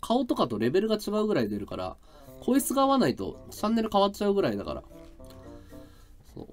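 Man, live streamer, high carrying voice, hugely lively pitch, chatty, desk mic through a mixer. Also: fast talker, soft background music. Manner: chatty, explains his audio gear and voice tricks. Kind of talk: casual live-stream chat. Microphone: desk mic through an audio interface and mixer.

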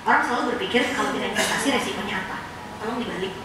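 A woman from Indonesia giving a lively, slangy, jokey talk on personal finance to an audience. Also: very fast. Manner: chatty, slangy, jokey, mimics relatives in shrill voices. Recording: echoey hall, voice from far off, noisy.

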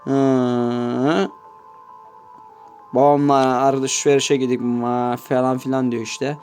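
A man's voice: mid-range voice, little pitch movement, takes it slowly, a little mellow, soft background music. A man giving casual gameplay commentary, swearing constantly and grumbling to his viewers in mock-offended asides. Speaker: gameplay YouTuber.

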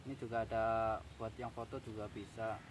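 With a fairly low, flat and brisk delivery, a young adult vlogger chats about selling his camera gear. A camera a few metres away records him outdoors on the grass near a rice field, and the audio is noisy.

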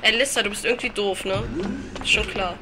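A woman's voice: mid-range voice, fairly even intonation, a little fast, noisy background. A woman giving casual, chatty gameplay commentary, reading game text aloud, giggling and swearing playfully. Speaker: let's play commentator.

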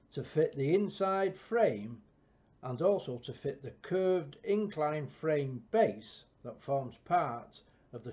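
Guy reading a technical build update, measured and exact, kinda muffled lo-fi sound. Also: on the high side, dark tone. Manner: measured, precise technical delivery. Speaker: project narrator. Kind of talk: scripted technical narration.

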